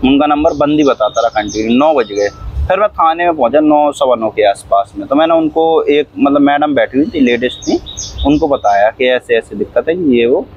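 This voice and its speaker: A cab driver tells a drawn-out, repetitive story in a casual storytelling interview, acting out others' words and coughing frequently. His mid-range voice is expressive, a little mellow, and slightly rough at normal speed. The audio sounds dull.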